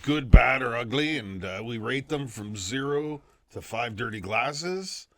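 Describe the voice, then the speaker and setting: A man's voice: mid-range voice, animated, unhurried. A man who is the mixologist on a casual podcast, speaking in a dry, joking way. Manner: dry and joking, with playful refusals. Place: basement studio.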